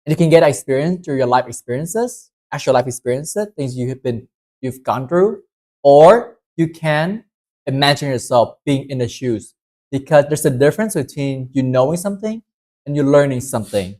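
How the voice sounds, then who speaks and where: A man from southern Vietnam speaks English as he co-presents a workshop. He talks earnestly, looping back on his phrases and leaning on "you know" and "like." His pitch stays at an ordinary middle level. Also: animated, normal speed, a little mellow. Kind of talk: casual workshop talk.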